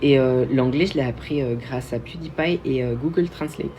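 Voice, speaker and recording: A man's voice: medium pitch, moderate pace, dark tone, muffled recording, a little hiss or hum. A young man from Belgium, hosting a casual livestream and answering viewer questions in a chatty, self-mocking way with frequent restarts. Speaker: livestream host.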